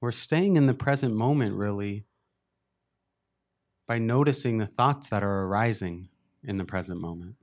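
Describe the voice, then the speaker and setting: Short, gentle phrases come slowly from a man with a lowish voice as he leads a guided meditation as teacher, letting long pauses fall between them.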